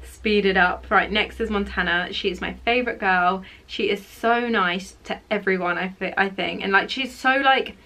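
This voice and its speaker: A young woman talks casually to her camera in a bright, forward voice. She gives her opinions freely and fills her speech with fillers. Her pitch sits in an everyday middle range. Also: normal speed, hardly any pauses. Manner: chatty, opinionated, lots of fillers. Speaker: vlogger. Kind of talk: casual chat. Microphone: camera mic.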